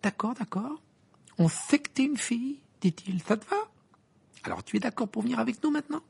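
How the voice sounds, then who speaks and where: A reader doing Ron, a gravelly teasing teen boy. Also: mid-range voice, fairly quick, pitched above the performer's own voice, exaggerated voice. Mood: pleading. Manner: bursts into laughter, stammers when excited. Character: teenage boy wizard, sulky and teasing. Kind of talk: amateur audiobook voicing.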